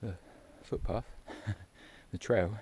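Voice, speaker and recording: A man's voice: fairly low pitch, extremely slow, warm tone, husky. A man out of breath, chatting casually as he films himself hiking down a steep mountain trail outdoors. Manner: chatty, breathless, loose and informal. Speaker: hiking vlogger. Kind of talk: casual hiking vlog commentary.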